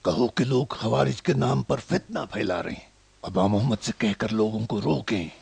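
An actor playing a commanding male plotter in a dubbed historical drama, with a gravelly, husky voice. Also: mid-range voice, lively intonation, moderate pace, a little mellow, no room sound, full character voice. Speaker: conspirator leader in a period drama.

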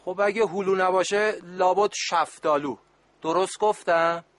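Good-humored camp supervisor in a radio play; slightly high voice, wry and pleading. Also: male voice, steady tone, a bit bright, no echo. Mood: exasperated. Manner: joking, exasperated, pleading.

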